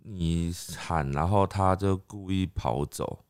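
A man's voice: sits low, slow, darkish tone, smooth, no room sound, studio quality. A man, co-hosting a podcast in a casual chat and mostly answering with short replies. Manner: brief backchannel replies. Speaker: podcast co-host. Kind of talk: casual chat, listening and reacting.

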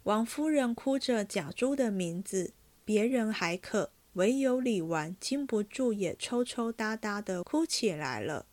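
A woman reading a classic novel aloud as a podcast host, in steady, measured storytelling. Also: mid-range voice.

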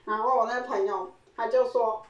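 A lively podcast co-host, a woman, tells a story with a lot of laughter. Her voice sits a little high. She sounds distant from the mic, in a room with plenty of echo. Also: fairly quick, highs cut off. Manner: animated, laughing often, acting out quoted lines. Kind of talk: casual storytelling chat. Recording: roomy echo, voice set back from the mic.

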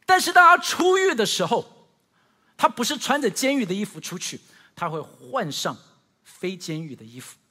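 A male pastor preaches in a lively, swooping delivery, pitched high with a bright, slightly husky tone. He keeps turning to the congregation with questions. The church hall rings with a long reverb. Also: normal speed. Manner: animated, asks the congregation questions. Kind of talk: sermon.

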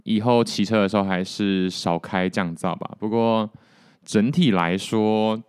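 Low-voiced young man chatting casually. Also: measured pace, smooth, no echo, clean studio sound. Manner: relaxed, rambling, self-deprecating. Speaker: podcast host. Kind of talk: casual solo podcast chat.

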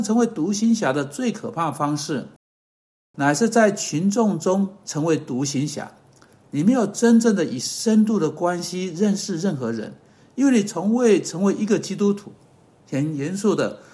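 A man giving an earnest sermon-style podcast teaching that closes in prayer, pausing on fillers and correcting himself as he goes. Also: sits high, dark tone. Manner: earnest, measured, with hesitant fillers and self-corrections.

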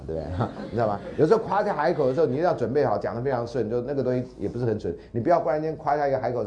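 Man, middle-aged, university lecturer, quick, lively pitch, mellow tone, storytelling. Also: slight background noise. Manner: animated, acts out quoted voices with jumps in pitch. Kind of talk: lecture storytelling with acted dialogue. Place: lecture hall.

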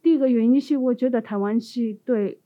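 Foreign woman speaking halting Mandarin, phone-like sound. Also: on the high side. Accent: foreign-accented Mandarin. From India. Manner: non-native Mandarin speaker, halting, simple phrasing with repetitions. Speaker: interview guest. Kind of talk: conversational interview answers. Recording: muffled narrow phone-like sound.

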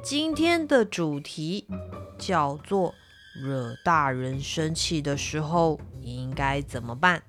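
A woman voicing an earnest little boy who leads a children's meeting, speaking slowly and formally. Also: low-pitched, lively intonation, soft background music. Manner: slow, formal announcing.

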